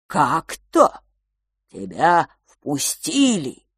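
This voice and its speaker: A woman voicing a calm, weary old male sage who reasons slowly and sighs between thoughts. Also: low voice, breathy edge, no room sound, studio quality, exaggerated voice. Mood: weary reasoning. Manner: measured, sighing, reasoning.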